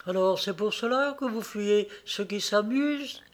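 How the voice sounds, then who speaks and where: A man voicing a gentle, shy young village woman who speaks softly and tremblingly in a read-aloud story. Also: sits high, expressive, measured pace. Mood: timid, pleading. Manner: soft, timid and trembling.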